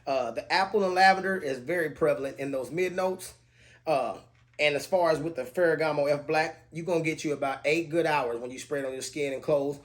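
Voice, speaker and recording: A man's voice: a little high, a little fast. Conversational man reviewing fragrances. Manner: relaxed, conversational, lists notes in a steady cadence. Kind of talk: casual product review to camera.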